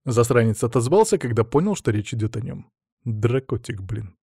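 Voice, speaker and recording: A man's voice: mid-range voice, very animated, fast, a little mellow, husky, dry recording, studio quality. A man narrating a first-person audiobook in a wry storytelling manner.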